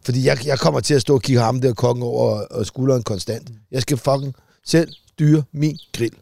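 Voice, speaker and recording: A man's voice: medium pitch, steady tone, vocal fry, a little mellow. A man chatting casually as a podcast co-host, blunt and swearing freely. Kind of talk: casual chat.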